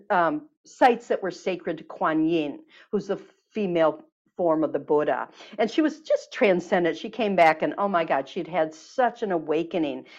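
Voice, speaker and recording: Lively storytelling woman, lo-fi sound. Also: lowish voice. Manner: warm, lively storyteller, many fillers. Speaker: guest teacher on body healing. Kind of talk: storytelling and guided exercise. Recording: dull lo-fi sound.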